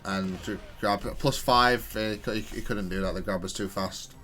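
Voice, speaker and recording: Faint music plays behind a man whose lowish voice sounds pushed and bright, with a steady tone at a moderate pace. A video game player and content creator, he reviews his own gameplay casually, reasoning aloud and correcting himself.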